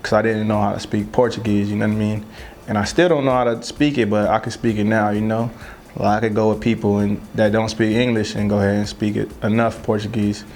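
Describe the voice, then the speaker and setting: A man's voice: on the low side, flat delivery, fairly quick, a little mellow. A young man from Southern California, a football player, talking loosely in an interview and filling his speech with "you know what I mean". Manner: loose, rambling, filler-heavy. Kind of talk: casual interview talk.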